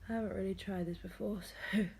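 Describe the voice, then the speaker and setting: A woman with allergies, stuffy and sneezy, chatting casually and often dropping to a breathy whisper as she announces each sneeze. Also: medium pitch, fairly even intonation, fairly quick, darkish tone, slight background noise.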